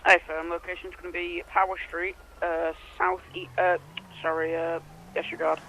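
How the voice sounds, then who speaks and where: A man with a high-pitched, flat voice radios in as a police officer in a role-play. His delivery is procedural and halting, with faint siren and vehicle noise behind him. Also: creaky, lo-fi sound.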